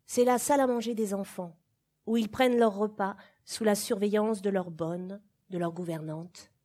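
A woman giving a measured, expressive literary reading of a novel, swelling on some phrases and dropping to a hush on others. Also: medium pitch. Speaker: reader of a novel.

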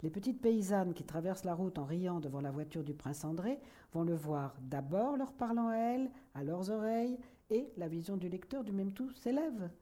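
A woman voicing a vain, irritable middle-aged novelist who lectures pompously and flares up quickly. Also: on the low side, lively intonation, dark tone. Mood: lecturing.

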